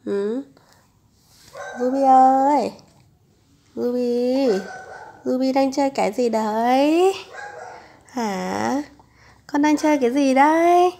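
A young mother talks in a slow, coaxing way to her baby and chats to her followers. Her voice is hoarse and gravelly from a lingering flu, pitched a little high. It is recorded at home, with steady noise behind her. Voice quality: gravelly, husky voice. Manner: coaxing baby talk mixed with chatty asides to viewers. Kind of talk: casual home vlog. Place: home bedroom, on the bed.

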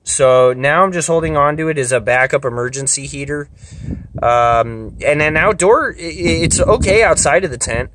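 A man's voice: on the high side, normal speed, noisy background. A man in his thirties, chatty and plain-spoken with lots of "uh" and "um", giving camping gear advice outdoors at a campsite and talking into a handheld camera. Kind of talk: casual outdoor gear talk.

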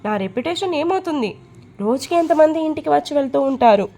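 A woman voicing a stern, quick-tempered father who scolds and gives orders. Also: sits high, animated, warm tone. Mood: angry. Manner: scolding, commanding.

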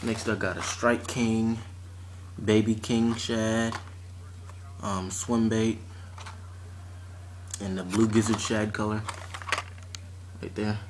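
A teen or young adult man with a fairly low, flat voice chats in an offhand, halting way while showing off fishing tackle in a casual, unscripted unboxing vlog. Recorded at home on a camera or phone mic at arm's length, the audio is very noisy, with clicks and rustling.

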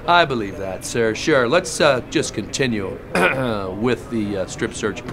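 A comedian playing a sarcastic, leering airport guard. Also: male voice, mid-range voice, lively intonation, measured pace, a crowd in the background. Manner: sarcastic, interrogating, mock-official. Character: pushy, leering male airport security guard. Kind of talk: comedic character monologue.

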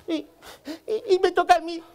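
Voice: very high voice, steady tone, a little slow, creaky, darkish tone, heavily acted. A performer playing a flustered young male event organizer who stammers nervously, on a live outdoor stage. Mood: stammering. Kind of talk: live comic stage acting.

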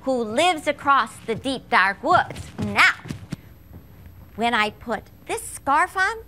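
Bright high-voiced woman storyteller. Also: animated, slow pace, a little hiss or hum. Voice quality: playful, mixes up words on purpose. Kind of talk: live children's storytelling. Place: stage before a child audience.

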